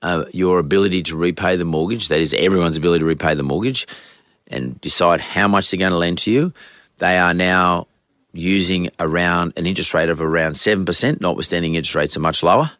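A very low-voiced Australian man, croaky with a cold, talks off the cuff as a podcast host. The recording is close and dry, and his phrasing is conversational and halting. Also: a bit bright, no room sound. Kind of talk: unscripted solo podcast talk on news and economics.

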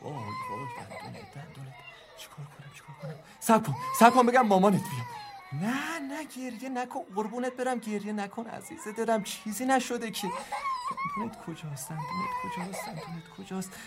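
A woman's voice: mid-range voice, very animated, lightly acted. A woman acting a panicked parent who comforts a hurt child, frantic and pleading, close to tears. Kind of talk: dramatized sketch. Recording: music playing underneath.

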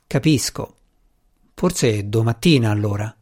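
A man voicing a calm, evasive male government official who speaks in a smooth, polite, measured way. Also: fairly low pitch, voice pushed down.

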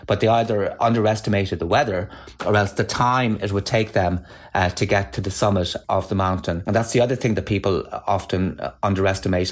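A man from Galway with a west of Ireland accent, explaining things as an interview guest in a measured, discursive, conversational way. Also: fairly low pitch.

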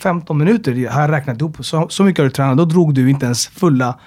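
A man with a fairly high voice tells stories in a relaxed podcast chat. He swears freely and acts out both sides of conversations. He speaks as a personal trainer talking about his clients. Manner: animated storyteller who swears and acts out dialogue.

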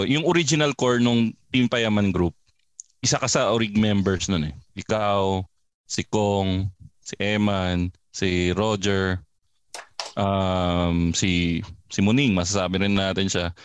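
A man's voice: fairly low pitch, steady tone, takes it slowly, clear, resonant tone, no room sound. A man hosting a podcast, asking questions in a joking, casual way. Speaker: podcast host.

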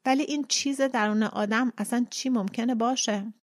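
A woman voicing a quiet, weary man in a story read aloud, speaking in a subdued, hesitant way. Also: a little high, steady tone, lightly acted.

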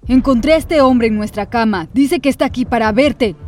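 A woman voicing a stern middle-aged father in an animated story voice-over, speaking in a firm, clipped way. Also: a little high, moderate pace, soft background music, close to an everyday voice. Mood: angry.

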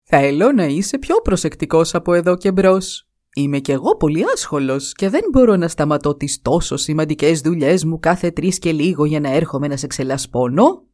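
A woman's voice: low voice, expressive, a little mellow. A woman voicing a stern, bossy male spirit who lectures his younger brother in a storybook tale. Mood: scolding. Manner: scolding, lecturing. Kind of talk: storybook reading.

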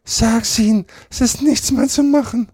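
A man reading aloud and voicing a frightened accused vagabond who sobs in a high, wailing falsetto. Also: steady tone, normal speed, a little mellow, husky, dry recording, clean studio sound. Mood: sobbing despair.

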